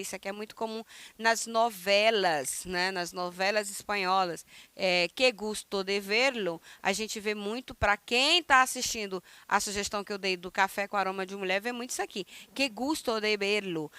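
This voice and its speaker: A Brazilian woman, native Portuguese speaker, teaching a recorded Spanish lesson, who pronounces phrases slowly and emphatically and then adds quick asides, checking in with "né?" and "tá?". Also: mid-range voice, bright, forceful tone, clear, resonant tone, no room sound. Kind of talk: recorded online language lesson.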